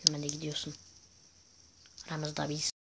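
A man's voice: a little high, monotone, moderate pace, vocal fry, heavy background noise. Crude joking man narrating gameplay. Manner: chatty, crude joking, talks to viewers. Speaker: gaming YouTuber host. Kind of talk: casual gameplay commentary.

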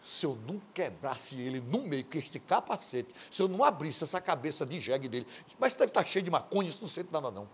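Loud tv host guy, mocks and yells, high voice that swoops all over. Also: big pitch swings, fairly quick, few pauses, slight background noise. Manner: loud, mocking, sometimes shouting; acts out quoted voices. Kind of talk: brash TV studio commentary.

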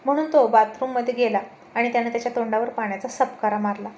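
A woman storyteller reading a serialized romance story aloud with expressive, steady narration. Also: a little high, quick pace. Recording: echoey room, faint noise.

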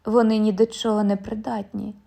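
A woman narrating a literary audiobook in a measured, calm storytelling manner. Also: medium pitch, vocal fry.

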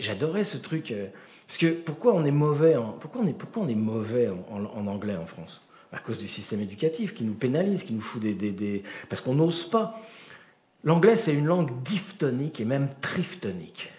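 A middle-aged man giving a comic storytelling lecture, animated and full of imitated voices and sounds, with many restarts. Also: mid-range voice, echoey room. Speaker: performer of a gesticulated lecture.

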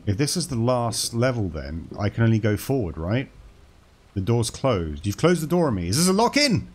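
A man's voice: on the low side, big pitch swings, normal speed, darkish tone. A man casually commenting on a horror game as he plays, joking and talking to the game's characters. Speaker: gaming channel host.

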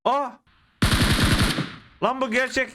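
A young man from Turkey reacts to his mobile game match in a high, excitable voice. He talks with a slight lisp from dental braces. Loud gunfire and game sounds run behind him. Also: takes it slowly, very noisy. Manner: excitable, exclaiming at the action. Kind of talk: casual gameplay commentary. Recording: gameplay audio and gunfire behind.

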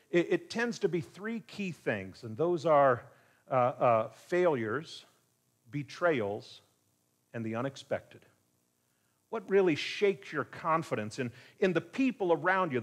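A man, a pastor, preaching a conversational sermon full of rhetorical questions. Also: fairly high pitch. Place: church.

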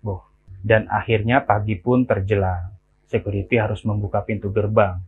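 Chatty man telling a horror story. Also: fairly low pitch. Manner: chatty, addresses listeners directly. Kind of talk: casual spoken horror storytelling. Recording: tinny phone-like recording, faint hiss.

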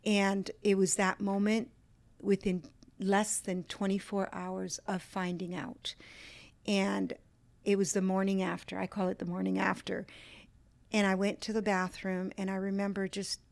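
This is a woman recounting a hard chapter of her life as a guest on a faith talk show. Her voice sits in an ordinary middle range and sounds close and dry. She drifts from quiet, hushed passages into animated bursts of storytelling. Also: medium pitch, measured pace, vocal fry, no room sound. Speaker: guest author.

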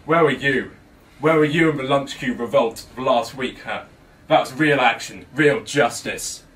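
A man's voice: medium pitch, a little slow, fairly bright tone, natural voice. A man playing a smug school rebel, distant and roomy. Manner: smug, dramatic. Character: scheming young male school rebel.

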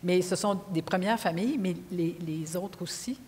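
In an unscripted panel discussion held in an echoing, noisy auditorium, a woman in her sixties from Quebec, a retired judge with a Quebec French accent, speaks at a normal speed. Her voice is fairly low and a touch mellow.

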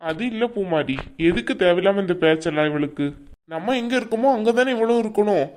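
A woman voicing a patient, calm father in a cartoon who reasons with his family. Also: medium pitch, brisk, lightly acted. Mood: reasoning. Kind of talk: cartoon voice acting.

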